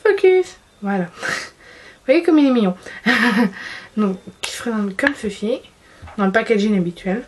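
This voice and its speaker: A woman's voice: mid-range voice, lively intonation, a little slow, pauses often, slight background noise. A young woman chatting casually about her favorite makeup, giggling, restarting sentences and poking fun at herself. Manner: chatty, giggly, self-deprecating, frequent restarts. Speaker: beauty vlogger.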